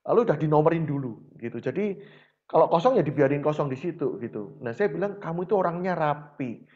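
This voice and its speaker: A man's voice: a little high, fast, lo-fi sound. Man with speech, storytelling teacher. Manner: lively storyteller who often acts out dialogues. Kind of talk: conversational interview storytelling.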